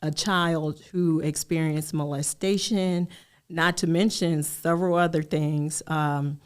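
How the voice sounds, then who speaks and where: A middle-aged woman shares her story as a podcast guest, taking her time over each phrase. Her voice sits somewhat low and comes through smooth and clear, in a measured, open manner. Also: steady tone. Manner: slow, measured, candid. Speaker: guest, life coach. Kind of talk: podcast interview.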